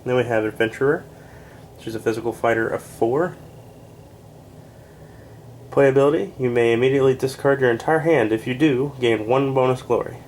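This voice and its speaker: A congested man reviewing a board game, reading card text aloud in a plain, unhurried way with casual asides and fillers. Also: medium pitch, a little mellow, a little hiss or hum. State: congested, short of breath.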